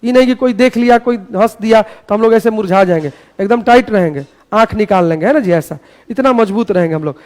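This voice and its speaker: A man teaches a class in a classroom. His voice sits very high, and he speaks loudly and playfully, firing call-and-response prompts at his students. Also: a little fast. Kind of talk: energetic classroom lecture.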